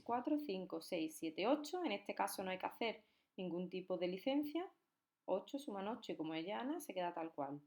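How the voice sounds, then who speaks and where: A woman delivers a recorded lesson on poetic meter. She talks patiently and methodically, counting syllables aloud and pausing to check that her students follow. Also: mid-range voice. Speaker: teacher.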